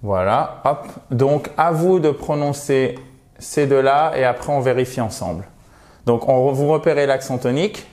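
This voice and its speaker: Lively man teaching English stress. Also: medium pitch, normal speed. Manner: lively, repeats words with exaggerated stress. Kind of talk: video pronunciation lesson.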